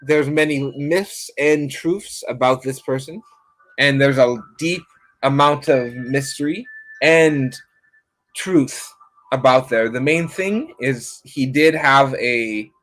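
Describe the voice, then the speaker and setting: A man's voice: mid-range voice, takes it slowly, fairly bright tone, rough recording. A man giving a casual, rambling live-stream reading, talking to his viewers by name. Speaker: online rune reader.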